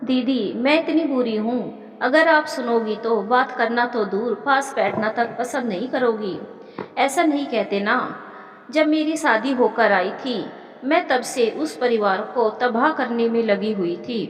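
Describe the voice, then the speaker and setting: Lady reading a guilty young wife in a storybook, slightly high voice, echoey room with a long tail. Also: measured pace, lightly acted. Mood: remorseful. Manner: anxious, self-reproaching. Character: remorseful young daughter-in-law, guilt-ridden.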